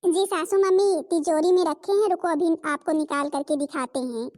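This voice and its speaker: A woman's voice: very high voice, normal speed, darkish tone, dry recording, clean studio sound, faint music behind. A woman voicing an anxious young daughter-in-law in a cartoon, pleading and flustered. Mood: worried.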